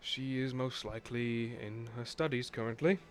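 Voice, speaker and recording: A man's voice: mid-range voice, steady tone, normal speed, clean tone, close to an everyday voice. A man voicing an unseen, officious gatekeeper spirit in a tabletop game, with a formal, commanding, unearthly manner. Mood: formal, polite. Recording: guitar music behind.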